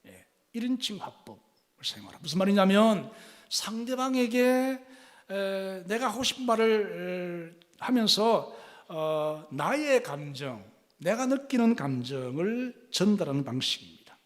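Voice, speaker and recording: A high-voiced male pastor preaches animatedly in a church sanctuary at a measured pace, the big room audible in the sound. He asks the congregation questions and acts out quoted speech.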